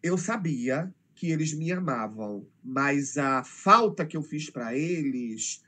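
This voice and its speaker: Slow-paced and sharp in tone, the man's fairly high voice has lively intonation. He is a middle-aged Brazilian teacher being interviewed casually, recounting emotional classroom tales and voicing the children himself.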